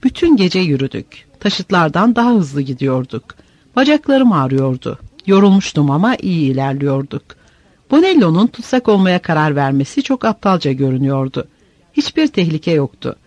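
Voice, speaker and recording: A man reads an audiobook in a steady, measured way. His voice is high and moves a lot in pitch. The recording is close and dry. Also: dry recording, lo-fi sound. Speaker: audiobook narrator. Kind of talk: scripted narration.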